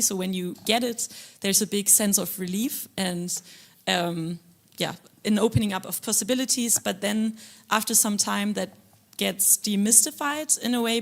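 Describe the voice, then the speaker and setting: Woman researcher on a panel, calm and articulate, lots of vocal fry. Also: medium pitch. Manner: measured, articulate. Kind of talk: panel discussion.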